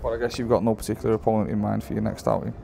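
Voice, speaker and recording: A man's voice: fairly low pitch, fairly even intonation, very fast, vocal fry, mellow. A man working as an interviewer, asking casual, conversational questions about sport. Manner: informal, conversational. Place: backstage at a large arena. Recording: backstage arena interview with crowd noise.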